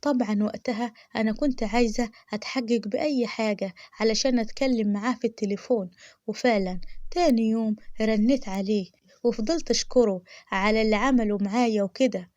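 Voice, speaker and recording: A woman's voice: on the high side, fast, darkish tone, dry recording, muffled recording. A woman with an Egyptian accent narrating a first-person story in a chatty, confiding way, talking straight to her listeners.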